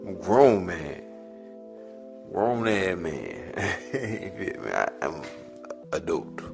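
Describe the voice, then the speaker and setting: Swaggering man with a gravelly voice. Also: low voice, very animated, slow, music in the background. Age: 30s. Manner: swaggering, joking. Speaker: videographer, cast member.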